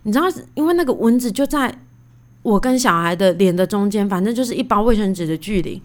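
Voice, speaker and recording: Woman, 30s, podcast host, casual storytelling, chatty, full of fillers, animated. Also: medium pitch, fast. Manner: chatty, animated, indignant retelling; many fillers like "you know".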